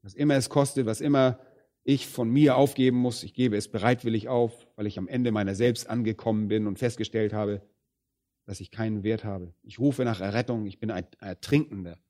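A man preaching a sermon, addressing the congregation directly. He stresses some phrases loudly and drops others low and quiet. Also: fairly even intonation, a little fast. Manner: emphatic, swings between loud stresses and quiet low phrases.

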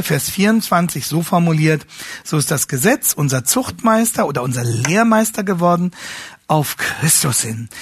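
A man's voice: fairly high pitch, breathy edge, no echo, studio quality. Earnest man lecturing on preaching. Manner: earnest, repeats words while searching for phrasing. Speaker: homiletics teacher.

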